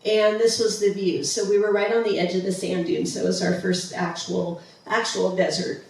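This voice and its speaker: A woman's voice: mid-range voice, steady tone, normal speed, gravelly, a little mellow. A woman giving a casual, enthusiastic slideshow talk, with many ums and restarts. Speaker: presenter of a travel slideshow. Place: museum presentation room. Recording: far-off mic in a very echoey room.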